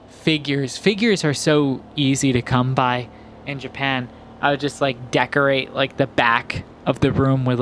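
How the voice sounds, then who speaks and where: A young man giving relaxed, rambling commentary over gameplay, full of fillers and restarts. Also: mid-range voice, slight background noise. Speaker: gaming commentator. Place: home, recorded in post.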